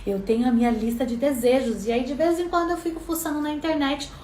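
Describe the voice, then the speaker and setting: Woman, Brazilian accent, high voice, chatty lesson, roomy echo. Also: steady tone, quick pace, darkish tone, slight background noise. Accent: Brazilian Portuguese. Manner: chatty, frequent "né" tags. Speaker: neuropsychopedagogy teacher. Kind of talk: casual online lesson.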